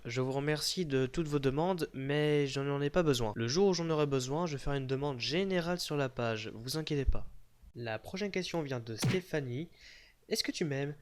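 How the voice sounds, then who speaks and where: A young man casually answering fan questions in a voice-over, joking and teasing with mock-serious asides. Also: fairly high pitch. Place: unseen voice-over.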